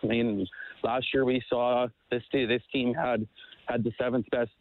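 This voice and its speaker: A man calling in to a sports talk show over the phone, speaking haltingly with many fillers and restarts. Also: mid-range voice, little pitch movement, dry recording. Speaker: caller. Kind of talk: sports call-in chat. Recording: dry tinny phone line.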